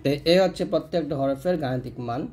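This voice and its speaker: Guy teaching quran reading, kinda high voice, patient, drags out each letter sound slow so you can copy it. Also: warm tone, slight background noise. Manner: drawn-out, demonstrative letter sounds repeated slowly; patient, explanatory. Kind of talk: step-by-step pronunciation lesson.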